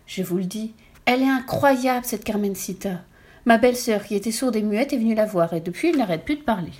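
A woman's voice: fairly high pitch, lively intonation, brisk, natural voice. A stout gossip holding forth at full volume in a storybook queue, as a woman puts her on. Her voice is raised and emphatic. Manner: talking very loudly.

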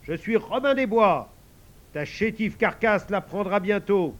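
A man's voice: high-pitched, expressive, a little slow, voice pushed up. A man voicing a bold, playful boy acting out an outlaw hero, in a theatrical, commanding way. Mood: boastful.

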